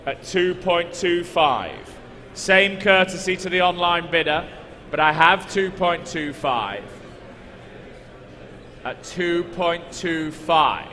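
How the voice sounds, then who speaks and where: A man's voice: high-pitched, sharp tone. A man working as an auctioneer, calling bids at a live car auction, repeating figures insistently and coaxing bidders. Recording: echoey large hall, background noise.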